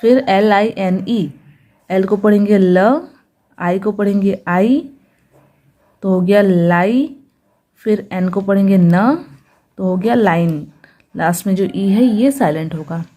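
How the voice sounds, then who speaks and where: A woman's voice: medium pitch, slow, pauses often, dark tone. A woman teaching English reading, spelling each word letter by letter and patiently repeating the sounds. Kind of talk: phonics lesson, spelling out words.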